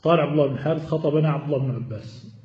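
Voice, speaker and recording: A man gives a classical text lesson, working through each point and quizzing his students before answering himself. His voice sits a little high yet sounds mellow. The recording is muffled and lo-fi, with heavy echo from the room. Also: very fast. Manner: explanatory, poses questions to students then answers. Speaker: hadith teacher. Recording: echoey, dull lo-fi room recording.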